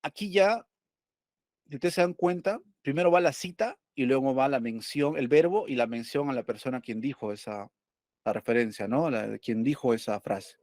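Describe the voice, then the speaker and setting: A man's voice: medium pitch, normal speed, a little mellow, dry recording, clean studio sound. A male teacher going over test questions, explaining step by step and asking and answering his own questions.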